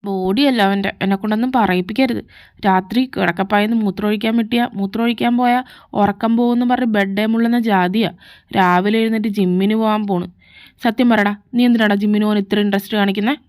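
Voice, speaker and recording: A woman's voice: medium pitch, steady tone, fast, darkish tone, no room sound, clean studio sound, lightly acted. Woman reading as a mocking elder brother. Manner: mocking, nagging, sarcastic. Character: bossy young man, teasing elder brother. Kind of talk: fan fiction audio story.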